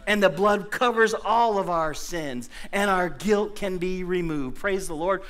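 Animated preacher man, high bright voice. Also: a little slow, smooth, soft background music. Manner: animated, calls out to the congregation with sudden loud bursts. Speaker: pastor. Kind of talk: sermon. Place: church sanctuary.

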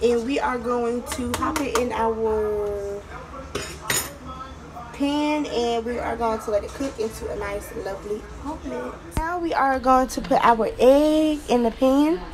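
Young female home-cook vlogger, chatty step-by-step delivery, slightly high voice, phone mic with background hiss. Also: a little slow. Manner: chatty, step-by-step, repeats "we're gonna". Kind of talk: casual cooking demonstration. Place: small home kitchen.

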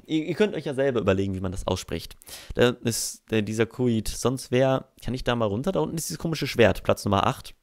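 A man's voice: lowish voice, creaky. A young man with a German accent giving casual, rambling gameplay commentary as a let's play host, swearing freely and poking fun at himself.

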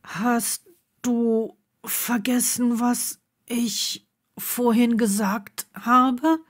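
A woman's voice: medium pitch, slow. Neville, a woman voicing a murmuring young man. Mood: breathless, insistent. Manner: soft, murmured, partly whispered lines. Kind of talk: audiobook character voicing.

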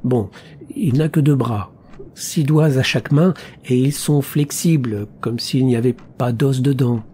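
A troubled young woman, as a male audiobook reader puts her on, speaking softly and submissively with a wide-eyed, dreamy unease. Her tone sits a little higher than the reader's dark, mellow voice, and a faint hiss hangs behind it. She lingers on eerie details as if she can see them. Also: unhurried, lightly acted. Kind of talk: audiobook reading.

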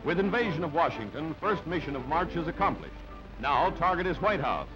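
The man's voice is on the high side and very animated as he moves fairly quickly through scripted newsreel narration. He sounds clipped, punchy and dramatic on a dull, band-limited old soundtrack backed by music.

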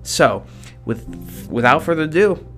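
A man's voice: fairly high pitch, big pitch swings, a little slow, gravelly, a bit bright, soft background music. A man reading a scripted podcast introduction. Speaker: podcast narrator.

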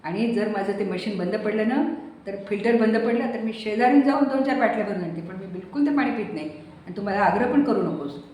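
A woman's voice: mid-range voice, fairly quick, darkish tone, lightly acted. A woman voicing a fussy, complaining woman who makes excuses on a pilgrimage. She speaks with a whiny, refusing manner. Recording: very echoey room, distant mic, faint noise.

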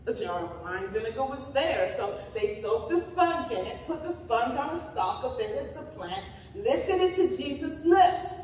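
A woman pastor giving a slow, deliberate, dramatic reading of scripture during a sermon. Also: high voice, big pitch swings. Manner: slow, deliberate reading with shouted cries for emphasis. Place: church sanctuary. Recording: echoey church hall from far off.

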